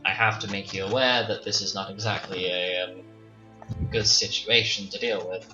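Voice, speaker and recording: A man's voice: deep voice, steady tone, moderate pace, sharp tone, roomy sound, distant mic. A man running a tabletop game over a crackly, muffled voice-chat line, hesitant and full of restarts. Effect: crackly, muffled voice-chat line like a bad cordless phone. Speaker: game master. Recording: dull, crackly lo-fi line with faint music.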